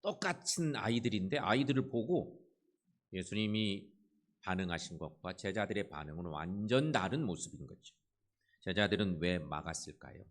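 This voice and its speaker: A male pastor giving a Sunday sermon in a church, retelling a story in an animated way and acting out the voices. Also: low-pitched.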